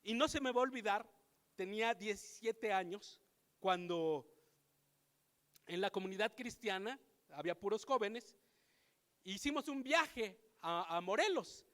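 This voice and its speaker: A man with a Mexican accent preaches a sermon in a church hall, his very high voice bright and forceful. He moves between relaxed storytelling and emphatic exhortation. Long reverb from the hall trails behind every line. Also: a little slow, long pauses. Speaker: pastor. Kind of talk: sermon with personal anecdotes.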